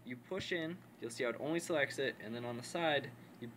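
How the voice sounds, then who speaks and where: A man presents a gaming headset setup tutorial in casual, unscripted talk, repeating his steps to stress them. His voice is mid-range and brisk, and the recording is very noisy.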